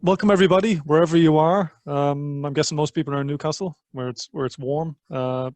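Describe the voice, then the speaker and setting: A man's voice: on the high side, steady tone, fairly quick, a little mellow, no echo. A man chairing an online academic seminar, introducing the speaker in a friendly, hesitant way with fillers.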